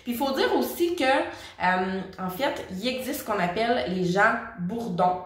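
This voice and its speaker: A woman's voice: fairly high pitch, lively intonation, measured pace. A woman with a Québécois French accent teaching singing in a chatty, direct way, speaking straight to the viewer. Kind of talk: casual vocal lesson. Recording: very echoey room.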